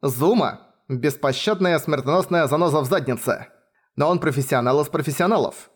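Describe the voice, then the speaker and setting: A man voicing a cocky, sharp-tongued young sorceress who speaks curtly and sarcastically. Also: a little high, normal speed, breathy edge. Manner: curt, sarcastic.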